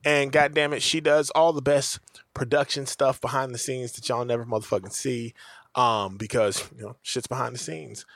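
A man's voice: medium pitch, steady tone, moderate pace, vocal fry, a bit bright, dry recording, studio quality. A man hosting a podcast in a casual comedic way, swearing freely and repeating phrases for emphasis. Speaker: podcast host.

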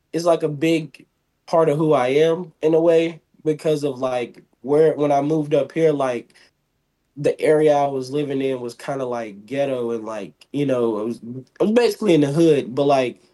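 In a casual interview, a twentysomething pro wrestler from Mississippi rambles as the guest, restarting often and leaning on fillers. His voice is light and a little high, though dark in tone.

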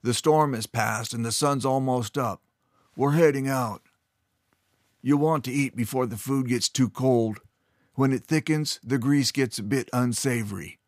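A weathered older horseman with a gravelly, flat voice that gives away little feeling, as a male storyteller puts him on. He talks in a dry, stony way with a hint of dry humor under it. The recording is close and dry, with no room sound. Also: medium pitch, measured pace, dry recording, lightly acted. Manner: flat, expressionless delivery. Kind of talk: storybook narration.

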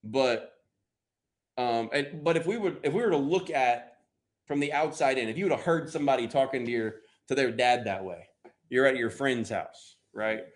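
Emphatic American man preaching. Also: medium pitch. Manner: emphatic, dramatic pauses, conversational asides to the congregation. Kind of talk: sermon.

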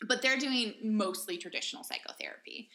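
A woman's voice: mid-range voice, wildly swooping pitch, fairly quick, vocal fry, pushed and bright. A woman co-hosting a podcast, explaining points methodically and often checking in with "right?". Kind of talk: casual academic discussion.

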